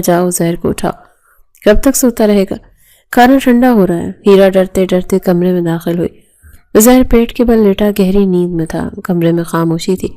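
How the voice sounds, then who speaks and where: A woman narrating a romance novel aloud in a steady, even reading. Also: medium pitch.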